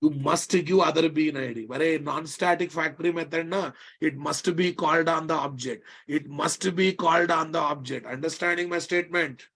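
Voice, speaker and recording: A man's voice: on the high side, normal speed, few pauses, a bit bright, breathy edge. A man with a Telugu Indian accent teaching a live technical class, emphatically repeating phrases and often checking that students follow. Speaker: programming instructor.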